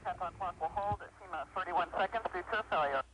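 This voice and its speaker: A man's voice: sits high, quick pace, fairly bright tone, poor audio. A man making procedural launch controller announcements over a walkie-talkie style radio loop. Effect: radio transmission. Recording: radio link with faint noise.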